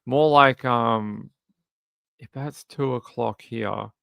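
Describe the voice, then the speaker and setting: A man's voice: medium pitch, takes it slowly, creaky, a bit bright, clear, resonant tone, no echo. An Australian man hosting a casual live commentary stream, talking in a dry, sarcastic and skeptical way as he responds to chat. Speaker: livestream host of a true crime channel.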